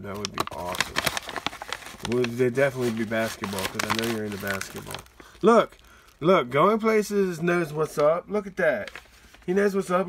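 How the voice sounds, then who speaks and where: Excitable man chatting on a mail-day vlog. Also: medium pitch, very noisy. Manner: excitable, laughs often, lots of fillers. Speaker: card collecting YouTuber.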